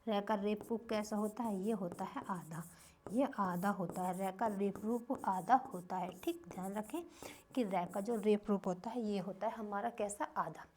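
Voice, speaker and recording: A woman teaching young children a grammar lesson in a steady, middle-pitched voice. She fires off short questions and answers them herself in a patient, repeating rhythm. The pace is that of a classroom drill at a whiteboard. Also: moderate pace.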